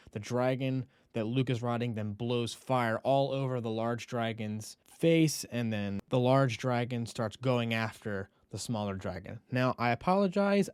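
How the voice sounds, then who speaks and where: A man hosting a podcast, retelling a TV episode in a casual, animated way and now and then acting out the characters' lines. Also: mid-range voice, dry recording, clean studio sound. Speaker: podcast host.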